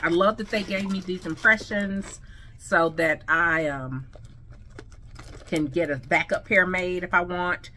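A woman with a slight lisp, speaking with new veneers in an excited, gushing casual vlog to her viewers. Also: fairly low pitch, unhurried, a little hiss or hum. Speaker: vlogger. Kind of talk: casual product review vlog.

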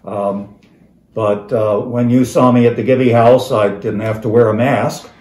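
An American man in his seventies, a retired teacher, talks informally to students in a halting way, slightly muffled through a face mask. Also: mid-range voice, fairly even intonation, darkish tone. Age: 70s. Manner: halting, pausing often. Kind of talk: informal recorded talk to students, reminiscing. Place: dining room of a historic house. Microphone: camera across a table. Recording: roomy indoor echo.

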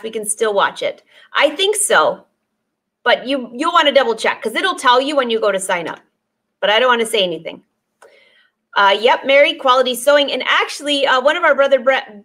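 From an indoor sewing studio filled with dress forms, a sewing teacher in her forties chats casually on a live stream, reading out viewer comments and laughing a lot. Her voice is on the high side and a bit bright.

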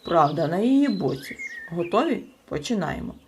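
A woman's voice: lowish voice, big pitch swings, normal speed, slight background noise. A woman voicing a stern, self-important male storybook creature who acts as a judge, speaking in a clipped, officious way.

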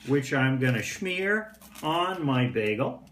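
A man's voice: mid-range voice, slow pace. Older man chatting in an echoey kitchen. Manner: relaxed, chatty, frequent "uh" fillers. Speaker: pipe-smoking home cooking vlogger. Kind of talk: casual home cooking demonstration. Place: home kitchen, indoors. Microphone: phone or camera on the table. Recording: roomy kitchen echo, faint background hum.

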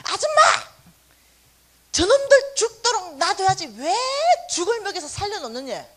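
A scolding middle-aged street seller barks his words in a high, strained holler, as a woman preacher acts him out. He is rough and blunt, and every line comes out as a shout. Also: very animated, moderate pace. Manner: shouting, brusque.

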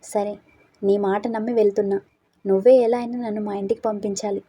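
A woman's voice: mid-range voice, flat delivery, fairly quick, dark tone, breathy edge, natural voice. Woman reading as a tearful young bride. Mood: sulky. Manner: sobbing, pleading.

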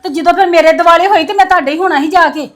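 A woman's voice: extremely high pitch, racing, faint music behind. A woman plays a quarrelsome mother who scolds her son and daughter-in-law with accusing questions. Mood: scolding. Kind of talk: family web series acting.

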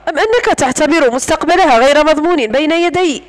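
A woman's voice: sits high, fast, lightly acted. A woman voicing a possessive young man who speaks sharply and indignantly.

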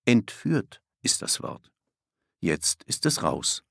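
A man narrating a children's audiobook in a playful, animated way. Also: lowish voice, slow pace, creaky, breathy edge, no echo, studio quality.

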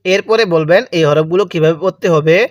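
Teaching Arabic letter reading in a slow recitation lesson, a man with a Bangladeshi Bengali accent drills syllables one by one, repeating each for the learner. His voice is a little high and fast, in a dry recording.

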